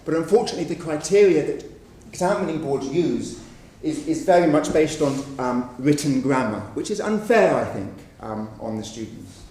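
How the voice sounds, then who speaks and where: A man's voice: fairly high pitch, animated, moderate pace, few pauses, a little mellow. A man giving a conference research presentation, explaining examples patiently and often hedging with "sort of". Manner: explanatory, frequent "sort of" hedges. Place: conference room. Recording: echoey room, mic far off, faint noise.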